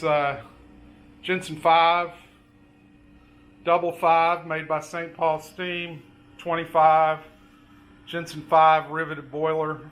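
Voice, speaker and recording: A man giving a casual, unscripted show-and-tell tour as a hobbyist, pointing things out item by item in a halting way. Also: a little high, a bit bright.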